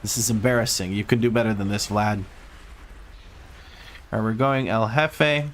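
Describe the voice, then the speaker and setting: A man's voice: on the low side, fairly even intonation, normal speed, slight background noise. A man from Croatia with a Croatian accent, casually commenting on his own gameplay on stream, chatty and self-mocking, swearing now and then.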